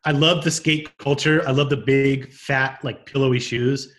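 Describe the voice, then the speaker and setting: A man's voice: medium pitch, steady tone, normal speed, a bit bright. A man co-hosting a casual comedy podcast, easygoing and agreeable, dropping dry quips. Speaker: podcast co-host.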